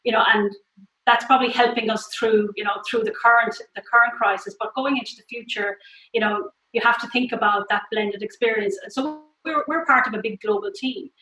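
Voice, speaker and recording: A woman's voice: on the high side, brisk, bright, forceful tone, reverberant, poor audio. A woman giving explanatory, conversational interview answers over a video call. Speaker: tech industry interviewee.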